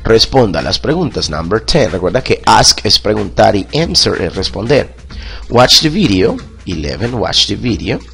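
A man teaching English vocabulary in Spanish. He says each classroom phrase slowly, repeats it, and then translates it. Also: on the low side, gravelly, a bit bright. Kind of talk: bilingual vocabulary lesson.

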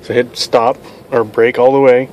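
A man's voice: mid-range voice, level tone, normal speed, darkish tone. A man giving casual driving instruction in short, repeated directions from inside a car. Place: inside a car in a parking lot. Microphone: handheld camera from passenger seat. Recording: noisy moving car interior.

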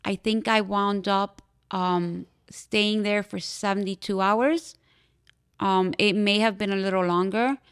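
A young woman from Miami, telling her own story as a podcast interview guest in a candid, halting way, with frequent fillers and restarts. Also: medium pitch, fairly even intonation, clean tone. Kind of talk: personal testimony in a podcast interview.

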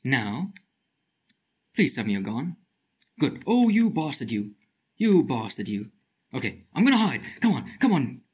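A man with a slight lisp, giving excitable let's play commentary, muttering to himself and shrieking at wins and scares. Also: mid-range voice, measured pace, long pauses, breathy edge. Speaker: gaming channel host.

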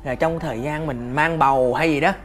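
A man's voice: on the high side, brisk, fairly bright tone. A man with a Southern Vietnamese accent hosting a casual interview, chatty and rambling as he restates what he has heard. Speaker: interviewer and channel host.

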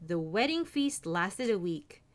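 Expressive woman reading a fairy tale. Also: medium pitch, unhurried. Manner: expressive, animated storytelling. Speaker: storyteller.

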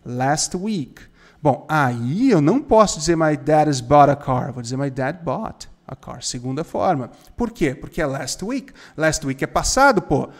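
Lively teacher explaining grammar. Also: male voice, fairly high pitch, measured pace. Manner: lively, emphatic, asks the viewer questions often. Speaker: English teacher. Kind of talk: casual spoken grammar lesson.

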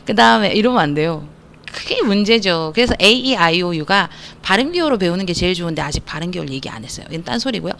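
A woman teaching English spelling to young students in an online lesson, playful and energetic, joking as she spells words out slowly. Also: lowish voice, vocal fry. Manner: playful, energetic, self-mocking asides; slows down to spell letters out.

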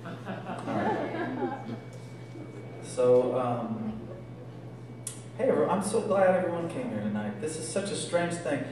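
A thirties-aged male poet performs live spoken word with casual banter into a stage microphone on a stand in a small club. His fairly high, sing-song voice has a darkish tone and moves slowly with long pauses. He sounds far from the mic, and the echoey club PA carries music behind him plus slight background noise.

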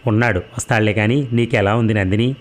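A man's voice: lowish voice, fairly even intonation, brisk, close to an everyday voice. A man reading an audiobook, voicing a worried father who reassures his wife. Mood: reassuring. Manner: soothing, reassuring.

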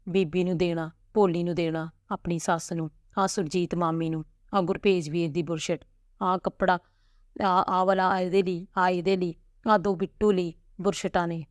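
A practical, fussing village mother, as a woman narrator puts her on. She reels off motherly instructions in a slightly low voice. The sound is dry and close, like a storybook read at the mic. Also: steady tone, normal speed, dry recording, natural voice. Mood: busy instructing.

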